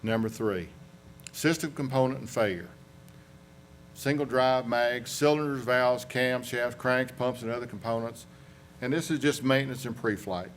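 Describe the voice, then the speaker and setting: A mid-range male voice at a moderate pace, with a Southern US accent, comes from a North Carolina accident investigator presenting in a conference room. He's folksy and rambling, restarting sentences and tossing in asides, over a faint hiss or hum.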